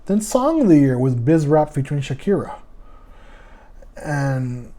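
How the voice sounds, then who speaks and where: A man's voice: fairly high pitch, sing-song, measured pace, mellow. A man with a lisp hosting a casual solo music podcast, rambling and stumbling over foreign names, calling his listeners "y'all". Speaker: podcast host.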